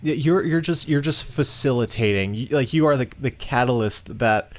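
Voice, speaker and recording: A man's voice: mid-range voice, normal speed. A man co-hosting a podcast in casual chat, teasing his co-host and swearing freely.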